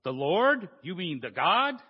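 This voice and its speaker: A preacher voicing a panicked man clinging to a branch over a drop, pleading and yelling for help, in a dull recording with long church reverb. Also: sits high, sing-song, a little slow, breathy edge, heavily acted. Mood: anxious.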